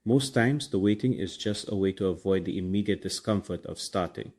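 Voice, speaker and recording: Trini guy hosting a chill motivational podcast, lowish voice, lots of caribbean slang. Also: fairly quick, a little mellow. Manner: colloquial, Caribbean slang and grammar. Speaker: podcast host. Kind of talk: casual motivational podcast chat.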